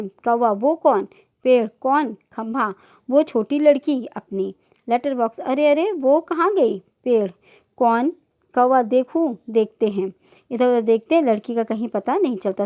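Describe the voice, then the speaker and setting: Woman teacher reading a play aloud. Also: fairly high pitch. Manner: voices each character's lines in turn. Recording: dull lo-fi recording.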